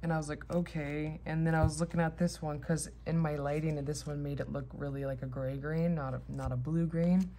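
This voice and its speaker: A woman with a low voice talks in a loose, casual vlog style. She rambles sleepily, drifting from thought to thought and letting sentences trail away. A faint layer of background noise sits behind her speech. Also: fairly even intonation, brisk, few pauses, warm tone. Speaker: host of a tarot deck haul vlog.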